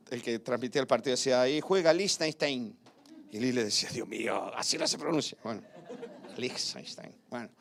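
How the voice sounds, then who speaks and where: A pastor giving a sermon in a conversational, lively way, tossing out rhetorical questions and short tag questions, and moving between raised emphasis and quiet asides. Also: male voice, medium pitch.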